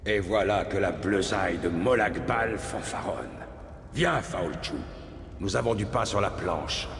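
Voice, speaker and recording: An actor playing a cruel, commanding necromancer villain in a video game, declaiming in an imperious manner. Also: male voice, lowish voice, a little slow, vocal fry, a bit bright. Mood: scornful. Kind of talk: dramatic video game acting. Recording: noisy, echoing long reverb.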